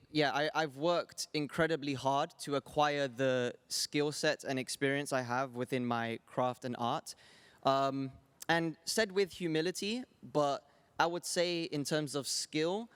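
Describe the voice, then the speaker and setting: A man's voice: fairly high pitch, fairly bright tone, clean tone. A man, a dancer speaking on a panel in a modest, hesitant way. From England. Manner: modest, hesitant, repeats words. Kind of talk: casual panel talk.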